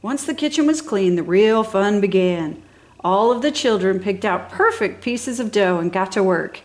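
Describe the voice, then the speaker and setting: For a toddler channel, a woman narrates a picture-book story at a moderate pace, her pitch swinging widely as she enthusiastically stresses key words. She's animated and expressive, with exaggerated emphasis clearly aimed at small children.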